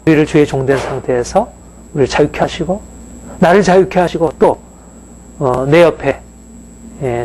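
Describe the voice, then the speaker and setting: A man's voice: fairly high pitch, darkish tone, a little hiss or hum, poor audio. A male pastor giving a conversational sermon, with frequent fillers and rhetorical questions to the congregation.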